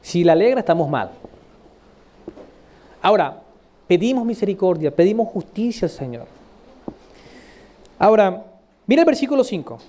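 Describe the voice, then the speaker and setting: A man's voice: moderate pace, long pauses. A man preaching a sermon, asking his listeners rhetorical questions and repeating phrases for emphasis. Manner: lively pitch swings, repeating phrases for emphasis.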